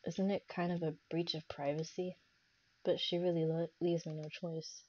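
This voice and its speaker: A young woman streaming a visual novel, reading its text aloud in a measured voice and breaking into loud reactions. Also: fairly low pitch, level tone, no room sound. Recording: dull lo-fi stream audio with faint game music.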